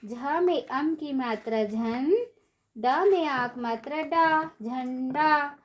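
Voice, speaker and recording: A woman's voice: sits high, drawn-out words. A woman teaching young children a reading lesson, spelling words out syllable by syllable and repeating each one for the class to echo, in a sing-song classroom tone. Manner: asks and answers her own questions in a sing-song classroom tone. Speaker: primary school teacher.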